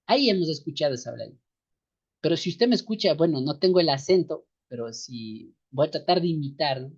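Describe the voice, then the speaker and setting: A man from the highlands, teaching a seminary class online in a slow, repetitive way, often tagging a rhetorical question onto what he says. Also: lively intonation, slightly rough. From Ecuadorian highlands. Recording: dull lo-fi sound.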